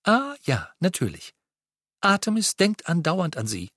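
A dreamy teenage boy speaks with courtly, flowery politeness, eager to please, in a voice raised well above a man's usual, as a male reader puts him on. The delivery is lively and swooping, recorded close and dry with no room sound at all. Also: high voice, unhurried, no echo, pitched above the performer's own voice, heavily acted.

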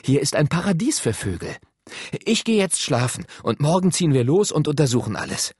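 An eager eldest boy from a storybook speaks confidently and brightly, pitched well above a man's own voice. The delivery bounces with enthusiasm, husky in texture, close and dry. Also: big pitch swings, normal speed, no echo, heavily acted. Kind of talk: audiobook reading.

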